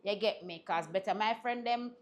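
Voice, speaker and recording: A woman with a Jamaican accent hosting a talk show, chatting and telling animated stories in patois. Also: medium pitch, normal speed, muffled recording, crowd noise. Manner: animated storytelling in patois, laughs often. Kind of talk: casual panel chat.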